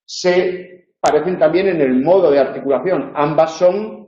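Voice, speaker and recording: A man's voice: fairly high pitch, unhurried, mellow. A man with a northern Spain accent, a university tutor explaining phonetics and demonstrating sounds, often checking in with his listeners. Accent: northern Spain Spanish. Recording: roomy, dull lo-fi lecture recording.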